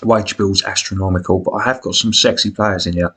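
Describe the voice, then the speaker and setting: A British man with a smoker's rasp and cough, giving chatty, blokey, self-deprecating commentary on a football management game as he live streams. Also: deep voice, fairly even intonation, fairly quick, bright, forceful tone.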